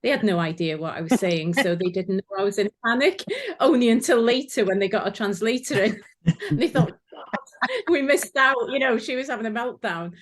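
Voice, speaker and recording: Slightly high and animated at normal speed, this Welsh-first-language woman is a guest who once competed in a sewing contest. She chats casually and tells stories packed with fillers.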